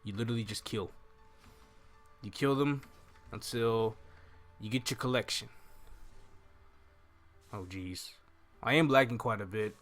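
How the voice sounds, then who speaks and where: Thinking aloud as he goes, this young gaming video host talks his way through a walkthrough in a loose, rambling style. His mid-range voice is fairly bright, a little slow, and full of frequent pauses. Game music sits behind him, and his mic is on a stand just in front of him.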